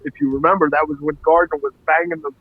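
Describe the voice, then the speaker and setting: A man's voice: on the high side, quick pace. A man in his fifties, a show producer, chatting casually on a podcast and rambling through stories. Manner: rambling, animated storyteller. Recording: dull lo-fi sound.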